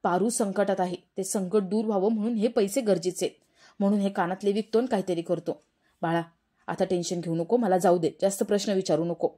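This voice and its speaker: A woman's voice: medium pitch, steady tone, fairly quick, warm tone, close to an everyday voice. A woman reading the part of a worried, stern middle-aged village father, scolding and pleading by turns in a serial recap.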